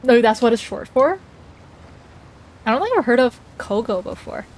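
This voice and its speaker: Woman streamer, slightly high voice, chatting casually with her viewers between bites. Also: sing-song, moderate pace. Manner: chatty, reacts to chat messages aloud, talks while eating. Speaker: livestreamer.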